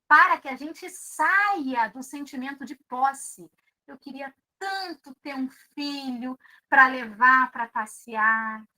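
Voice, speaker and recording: A woman's voice: high voice, slow, sharp tone, low-quality recording. A middle-aged woman with a Brazilian Portuguese accent giving a devotional talk at a spiritist seminar, intimate and pleading, speaking straight to her listeners. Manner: intimate, pleading, addresses audience directly.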